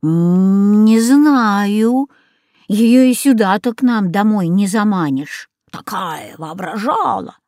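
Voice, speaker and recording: Brief: doubtful male house dog from a storybook, read by a woman, slow scoffing lines. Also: mid-range voice, lively intonation, a little mellow, dry recording, studio quality. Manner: doubtful, snorting retorts. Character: gruff grumbling male family dog.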